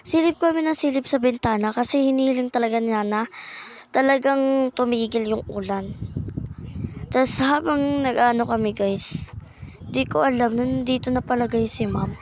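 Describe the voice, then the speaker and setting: A woman's voice: a little high, moderate pace, darkish tone, a little hiss or hum. A ten-year-old girl narrating her school day in a casual vlog, talking politely and chattily. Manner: polite, uses po often, chatty. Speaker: child vlogger.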